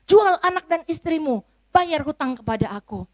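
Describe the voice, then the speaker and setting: A woman voicing a stern king who demands his debt be repaid, speaking loudly and commandingly. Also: very high voice, animated, fairly quick, dry recording, pitched above the performer's own voice. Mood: angry. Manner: loud, commanding, then softening to mercy.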